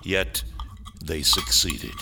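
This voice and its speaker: A man's voice: low voice, animated, very slow, creaky, background noise, exaggerated voice. A man playing a cold, imperious imperial lord in a sci-fi audio drama, formal and condescending in a menacingly polite way. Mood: coolly knowing. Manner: formal, condescending, coolly sardonic.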